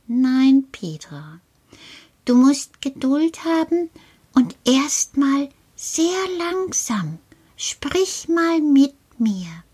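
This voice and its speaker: A woman performs a friendly little male creature from an underground burrow, in a children's puppet-style dialogue. The voice sits high and moves slowly, patient and coaxing, often sinking into a hushed whisper. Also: very animated, full character voice. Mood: patient coaching. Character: cheerful little male cave-dwelling earth creature.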